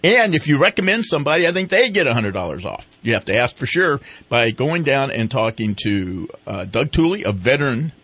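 Guy hosting a local radio show, casual, bit husky, middle pitch. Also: very animated, a little fast, few pauses, fairly bright tone, no room sound. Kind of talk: casual live talk radio. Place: radio studio.

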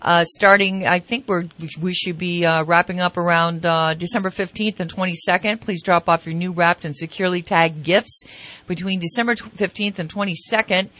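A woman radio co-host making a casual announcement, halting and correcting herself. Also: lowish voice, steady tone, a bit bright. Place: radio studio.

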